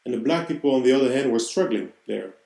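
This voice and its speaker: Earnest man in his thirties, warm voice. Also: mid-range voice, animated, fast, gravelly. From Cameroon. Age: 30s. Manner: earnest, reflective, searching for words. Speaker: podcast host. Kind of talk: personal podcast monologue. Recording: roomy, echoey room.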